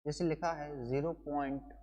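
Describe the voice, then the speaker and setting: A man's voice: a little high, fairly even intonation, normal speed, darkish tone, long reverb tail. A male teacher giving an exam coaching lesson, playful and chatty, who keeps calling his students brother and explains with wedding and party stories.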